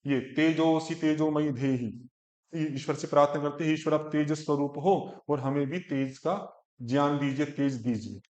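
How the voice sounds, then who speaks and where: A man teaching Sanskrit pronunciation, breaking verses into slow syllables and correcting a student as he goes. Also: on the high side. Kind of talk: one-on-one pronunciation lesson. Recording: echoey room.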